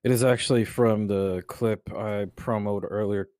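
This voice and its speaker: A man's voice: fairly low pitch, fairly even intonation, moderate pace, a little mellow, no echo, clean studio sound. A man co-hosting a casual comedy chat, laid-back and full of slang. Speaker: co-host.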